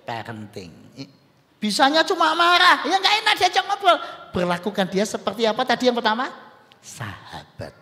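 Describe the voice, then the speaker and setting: A man's voice: sits high, vocal fry. A male pastor with a Javanese accent preaching a conversational sermon to a congregation in a church hall. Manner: animated, conversational, acts out dialogues.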